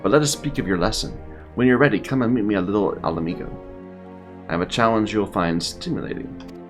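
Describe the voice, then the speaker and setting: A man's voice: on the low side, quick pace, soft background music, natural voice. A man doing a stern formal trainer. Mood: earnest.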